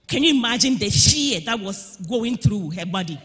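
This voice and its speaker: Man preaching hard in a big echoey church, way high voice, kinda husky, swinging from soft to shouting. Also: lively intonation, normal speed. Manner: passionate, swings between hushed lines and shouted, sing-song emphasis. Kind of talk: impassioned sermon. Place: church sanctuary. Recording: long hall reverb.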